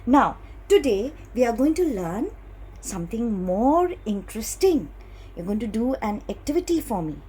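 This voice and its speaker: Slow sing-song teacher, breathy woman. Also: fairly high pitch, mellow, slight background noise. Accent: Indian English. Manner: slow, patient, sing-song teacher talk, stretching key words. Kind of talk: online class lesson for young children.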